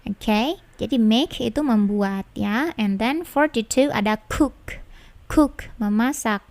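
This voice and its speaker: A woman with a fairly high voice leads a children's English vocabulary lesson. She speaks very slowly, repeating every word and drilling its pronunciation with patient care. The recording is dry and close, with no room sound. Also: a little mellow, dry recording. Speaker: English teacher.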